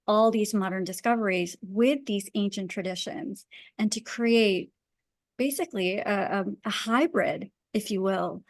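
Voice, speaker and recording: In clean studio sound with no room tone, a Pakistani woman with a mid-range voice talks as an interview guest. An expert in wellness and design, she lays out her thinking in a conversational, earnest and emphatic manner.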